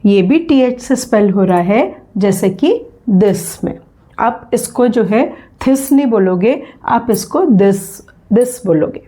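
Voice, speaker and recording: Here a mellow, mid-range female voice leads learners through English phonetics at a slow pace. She repeats each sound and sample word with patience.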